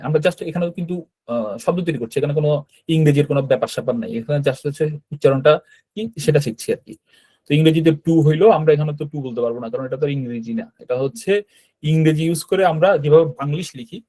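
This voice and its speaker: A man's voice: a little high, mellow, low-quality recording. A man teaching a beginner online language class, explaining step by step and checking in with students with a frequent "right?". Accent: Bangladeshi Bengali.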